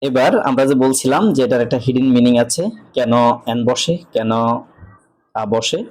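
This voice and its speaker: A man with a Bangladeshi accent teaching English articles, reading example sentences slowly and answering his own questions. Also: mid-range voice, darkish tone, rough recording. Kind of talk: grammar lesson.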